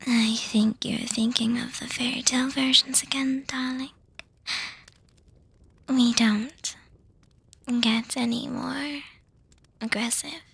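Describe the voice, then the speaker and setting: The same vampire-girlfriend voice returns: a very breathy, fairly high-pitched whisper, heavily acted for an ASMR roleplay. Speaking extremely slowly and softly, she keeps her melody even and narrow, filling hesitations with small hums while she gently soothes and teases, all in a fondly teasing mood.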